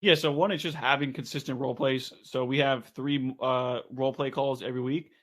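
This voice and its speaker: Sales guy on a podcast, walks through tips step by step, lots of likes, average pitch. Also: steady tone, fairly quick. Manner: explains step by step, many likes and rights. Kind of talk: casual conversation.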